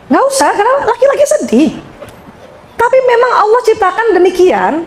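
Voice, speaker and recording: A middle-aged woman giving an animated, joking seminar talk to an audience. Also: extremely high pitch. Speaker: seminar speaker. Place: large hall with audience. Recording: roomy hall sound with faint noise.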